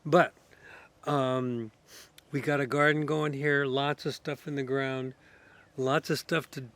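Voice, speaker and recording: A sick, coughing man rambling casually outdoors in his garden for his vlog, his voice going hoarse. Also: mid-range voice, fairly even intonation, slow, fairly bright tone. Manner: rambling, many fillers and restarts. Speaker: garden vlogger.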